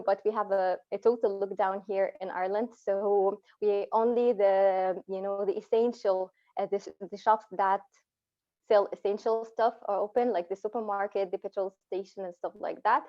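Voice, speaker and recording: A woman in her thirties chats casually as she opens an online English class, her manner relaxed and encouraging with frequent light laughs. Her voice sits at an ordinary middle pitch for a woman. She speaks into a phone on a video call, so the sound comes through dull and lo-fi. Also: normal speed. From Egypt. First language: Arabic. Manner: relaxed, encouraging, laughs often between phrases.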